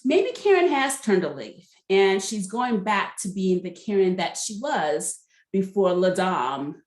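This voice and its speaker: A gossipy woman talks through a reality TV episode for her viewers, laughing often and turning to the audience to ask their opinion. Her voice sits at an ordinary mid pitch. The sound is roomy and echoey. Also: sing-song, unhurried. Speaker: reality TV recap vlogger. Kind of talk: casual chatty recap. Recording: roomy echo.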